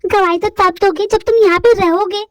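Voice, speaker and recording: A woman voicing a feisty, teasing teenage girl with quick, sassy retorts in a fan-fiction audio dub. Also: very high voice, steady tone, dry recording, clean studio sound, voice pushed up. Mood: defiant.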